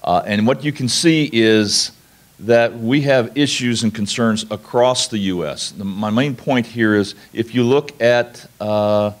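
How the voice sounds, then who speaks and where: A man's voice: medium pitch, measured pace. A man from New Mexico, giving a conference presentation in an informal, folksy, explanatory way. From New Mexico, United States. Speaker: conference speaker, national laboratory researcher.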